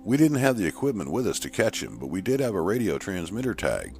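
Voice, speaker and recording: In an audio horror piece with faint music behind, a man plays a male shark researcher earnestly and emphatically describing an attack. His low voice is sing-song, fast and a little mellow.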